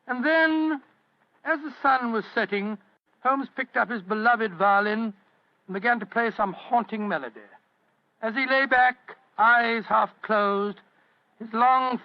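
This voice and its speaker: An actor playing a genial, slightly bumbling elderly British doctor telling stories in an old radio drama. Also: male voice, very high-pitched, unhurried. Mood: nostalgic. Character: elderly genial English doctor, loyal sidekick and storyteller. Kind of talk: 1940s radio acting. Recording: dull old radio recording.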